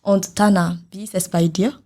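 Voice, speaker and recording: A woman's voice: mid-range voice, fairly even intonation, normal speed, dark tone. A young woman from Gabon, a student on a podcast, speaking carefully from prepared remarks. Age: young adult. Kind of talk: scripted podcast talk.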